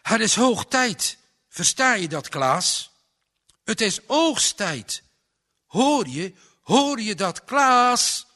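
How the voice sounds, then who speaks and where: A man voicing a stern, hot-tempered old farmer who shouts for his son. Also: a little high, extremely slow, few pauses, voice pushed up, full character voice. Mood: angry. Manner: bellowing, gruff.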